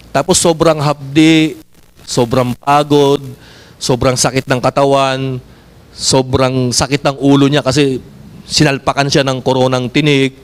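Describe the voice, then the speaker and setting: A man with a Filipino accent preaching a sermon as pastor, asking the congregation questions and reading verses slowly. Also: mid-range voice. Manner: switches between Tagalog and English, reads verses slowly; animated, asks the congregation questions.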